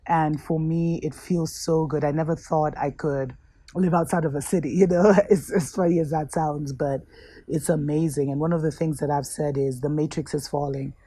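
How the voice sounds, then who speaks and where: Woman host, slightly husky, earnest and unhurried, gently encouraging spiritual talk. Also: deep voice, fairly even intonation, no echo. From Kenya.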